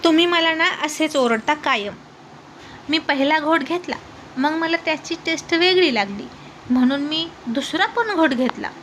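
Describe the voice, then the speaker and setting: A woman's voice: high-pitched, expressive, moderate pace, a bit bright, a little hiss or hum, pitched above the performer's own voice. A woman voicing a tipsy young wife who talks in a childish, pleading, petulant way in a storybook reading. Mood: drunk, whiny. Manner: sing-song, pleading, petulant. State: drunk. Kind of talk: storybook narration.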